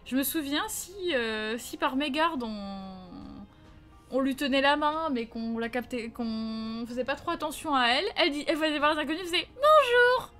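Une jeune femme, streameuse, raconte une anecdote d'enfance en direct sur un ton familier et vivant, en jouant les répliques. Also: female voice, sits high, normal speed, faint music behind. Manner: lively anecdote-telling, acts out quotes, reads chat. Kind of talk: casual live-stream chat and storytelling.

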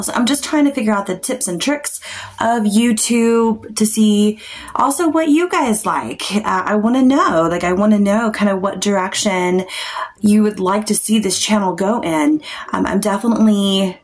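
A woman in her forties chatting casually to camera as a channel host, thinking aloud in a halting, rambling way. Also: mid-range voice. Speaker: paranormal vlogger and channel host. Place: small plain room indoors.

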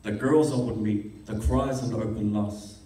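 A young man delivers spoken word poetry at an open mic, rhythmic and impassioned, his voice mellow and soft-edged. The sound comes from a camera across the room, so it carries a strong echo and a distant quality. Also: lowish voice, fairly even intonation, normal speed. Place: classroom with a small audience. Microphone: stand mic, filmed by a far camera.

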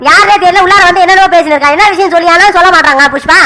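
A woman's voice: very high-pitched, very fast, pushed and bright. A woman voicing a proud, hot-tempered middle-aged father in a cartoon who blusters and snaps at his wife. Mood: blustering.

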